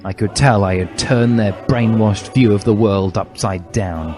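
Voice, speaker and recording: A man with a fairly low, unhurried voice reads a fan fiction story aloud over music. He plays a mock-serious dramatic narrator, theatrical and bombastic.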